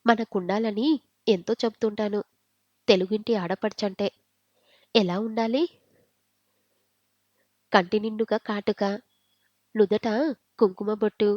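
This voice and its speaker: A woman's voice: mid-range voice, darkish tone, dry recording, muffled recording. A woman storyteller reading a family story aloud, voicing the family's dialogue as she goes. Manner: voices the family's dialogue inside the narration.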